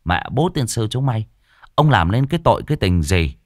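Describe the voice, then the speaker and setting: A man narrating a ghost story in a lively, emphatic way. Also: on the low side, fairly quick, no room sound, clean studio sound.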